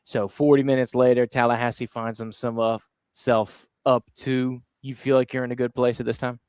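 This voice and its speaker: A man hosting a casual sports podcast, walking through match highlights play by play with an upbeat, chatty manner. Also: level tone, moderate pace, darkish tone, clear, resonant tone, dry recording, clean studio sound. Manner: upbeat play-by-play walkthrough of goal clips. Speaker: podcast host. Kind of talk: casual sports recap chat.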